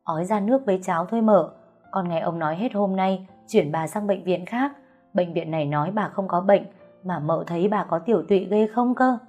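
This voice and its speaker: A woman's voice: on the low side, brisk, a little mellow, faint music behind, lightly acted. A woman voicing a jittery young maid. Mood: chatty. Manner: breathless, fretful and talkative. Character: young frightened chatty housemaid girl.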